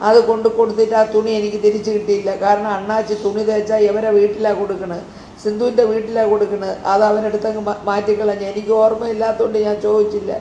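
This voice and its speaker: An elderly woman crying as she haltingly recounts family grievances, repeating her words. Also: mid-range voice, little pitch movement, mellow, echoey room, slight background noise, rough recording. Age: older. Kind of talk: emotional personal account.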